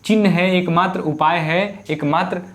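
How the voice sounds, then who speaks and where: A man's voice: sits high, steady tone, moderate pace, a bit bright. A male teacher explaining a Hindi poem line by line. He keeps repeating phrases, glosses hard words, and asks the class questions that he then answers himself. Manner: repeats phrases while glossing word meanings.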